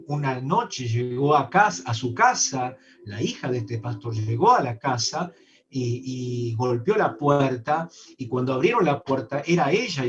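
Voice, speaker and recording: A man preaching a sermon as a bishop, earnest and speaking straight to his listeners. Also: medium pitch. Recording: distant, dull online-meeting audio.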